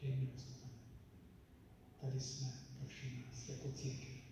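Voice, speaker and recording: Czech-speaking preacher in a reverberant hall. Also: male voice, medium pitch, monotone, vocal fry, far from the mic. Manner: earnest, pleading prayer with soft hushed passages. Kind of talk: sermon and prayer. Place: church hall. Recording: echoey hall, miked from afar, background noise.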